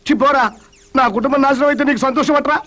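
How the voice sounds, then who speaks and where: Hot-tempered high-voiced husband. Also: male voice, fairly even intonation, fast, bright, forceful tone. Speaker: husband hiding a second family. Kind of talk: Telugu film dialogue.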